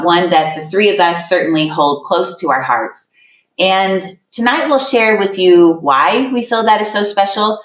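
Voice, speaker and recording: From a room with a laptop, a middle-aged woman welcomes attendees to an admissions webinar, her fairly low, slightly bright voice emphatic and repeating words for effect. The recording is roomy and echoey, with the mic set at a distance.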